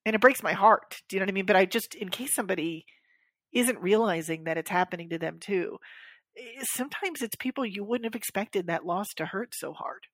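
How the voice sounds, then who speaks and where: A woman's voice: medium pitch, brisk, dry recording, clean studio sound. A woman co-hosting a podcast, chatting casually and acting out the voices of people in her stories. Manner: animated storyteller, acts out quoted voices. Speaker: podcast co-host. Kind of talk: casual chat.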